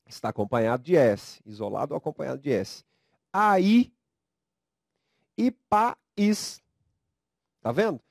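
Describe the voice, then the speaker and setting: A man with a Brazilian Portuguese accent teaching a recorded grammar lecture, speaking slowly and emphatically, drawing out syllables and coaxing students to read aloud. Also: a little high, expressive, gravelly, dry recording, clean studio sound. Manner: slow, emphatic, drawn-out syllables.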